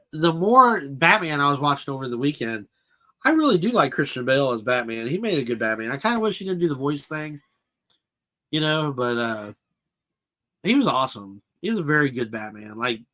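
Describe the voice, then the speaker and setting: A man's voice: on the high side, bright, forceful tone. A man hosting a casual live chat about toys and films, answering viewers' comments as he goes. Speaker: toy collector channel host.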